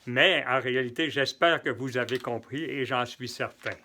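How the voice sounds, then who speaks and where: In a bilingual grammar lesson, a man patiently repeats and translates French example sentences for Spanish speakers, though neither language is his native tongue. He speaks at a moderate pace in a medium-pitched, bright, forceful tone, with slight background noise.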